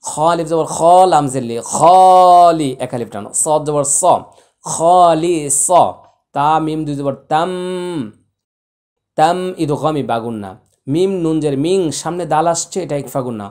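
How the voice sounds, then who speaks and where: Slow, clear-voiced man teaching Quran recitation. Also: fairly high pitch, darkish tone. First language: Bengali. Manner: slow, deliberate spelling with drawn-out chanted recitation. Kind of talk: spelling out Arabic letters and chanting verses.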